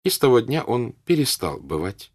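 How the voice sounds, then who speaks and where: A man with a husky voice reading literary narration for an audiobook, expressive and melodic. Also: mid-range voice, normal speed. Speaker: audiobook reader.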